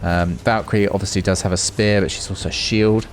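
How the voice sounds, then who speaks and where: Brisk and low, with fairly even intonation, this male gaming host talks through his play in an unscripted, relaxed way, musing aloud as he goes.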